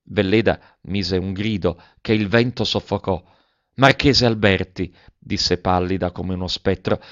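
A man narrating a novel aloud in a measured, dramatic way. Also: sits low, dry recording. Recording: dull dry lo-fi recording.

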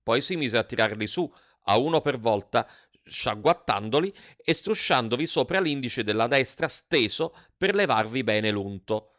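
A man narrating a children's novel in a lively, expressive storytelling manner. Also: medium pitch, normal speed.

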